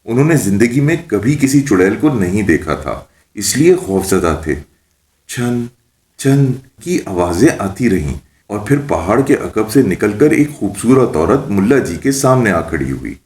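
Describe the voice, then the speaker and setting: A man narrating a children's story in an expressive, lilting storytelling manner. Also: fairly low pitch. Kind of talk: scripted narration of a children's tale. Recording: roomy echo.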